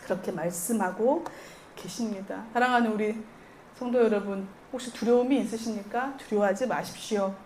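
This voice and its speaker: A woman's voice: mid-range voice, normal speed, a little mellow, a little hiss or hum. A woman pastor preaching a sermon to her congregation, earnest and storytelling, acting out quoted voices and laughing lightly with the people.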